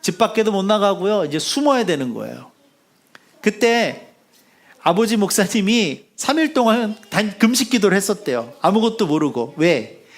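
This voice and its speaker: A male pastor tells a story in his sermon with a high, lively voice that swings widely. He acts out the characters as he goes, and grows hushed and soft near the end. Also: normal speed. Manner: animated storytelling, acting out quoted voices; drops to a hushed, soft delivery when closing.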